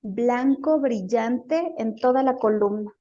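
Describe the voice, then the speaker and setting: A woman's voice: on the high side, slow, dark tone. Dull-sounding woman telling a story. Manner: hesitant, repeats words while searching for them. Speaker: guest recounting a healing experience. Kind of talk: casual storytelling in an interview.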